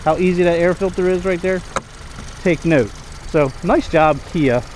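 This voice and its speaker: A man with a somewhat higher-pitched voice talks through a casual car review. He is conversational and opinionated, repeating words to stress a point. The binaural recording carries noticeable background noise from the car and its surroundings. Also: normal speed, a little mellow. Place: in and around a car. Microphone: binaural microphones.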